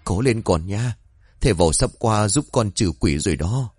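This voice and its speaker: A man's voice: fairly low pitch, lively intonation, moderate pace, a little mellow, breathy edge, no room sound. A man voicing a frightened old father who whimpers and pleads. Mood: worried.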